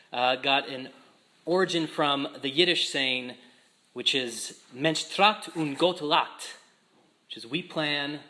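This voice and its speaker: A man's voice: mid-range voice, sharp tone. A man preaching a sermon as a priest in a church, telling stories with humor and laughing asides.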